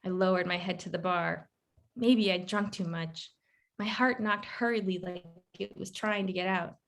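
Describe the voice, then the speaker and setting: A woman author reading her own short story aloud in a measured, wry first-person narration. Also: fairly low pitch, steady tone, vocal fry.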